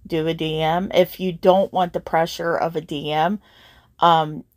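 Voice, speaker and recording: A woman's voice: deep voice, little pitch movement, measured pace, a little mellow, no echo, studio quality. A woman voice actor hosting her own channel, earnestly speaking straight to her listeners in a casual update.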